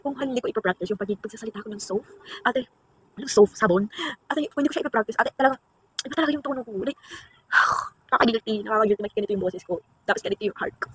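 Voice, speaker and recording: A woman's voice: a little high, rapid-fire, slightly rough, dry recording. A woman vlogger rambling in a casual, self-reflective monologue, slipping English words into her talk. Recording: loud vehicle noise behind.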